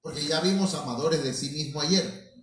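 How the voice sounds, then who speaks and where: A man with a fairly high voice preaches a sermon, calling out to his brothers and often repeating a word before he finds the next. He sounds set back from the microphone in a very echoey church hall. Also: moderate pace, fairly bright tone, a little hiss or hum. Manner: addresses listeners as brothers, repeats and restarts words. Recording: very echoey room, mic at a distance.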